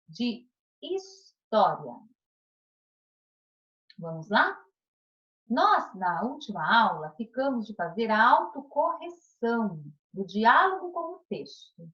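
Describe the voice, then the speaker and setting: Here a woman teacher on the high side, with a Brazilian Portuguese accent, encourages primary pupils in a recorded remote class. She stretches her syllables and frequently checks in with "tá?", heard through lo-fi sound.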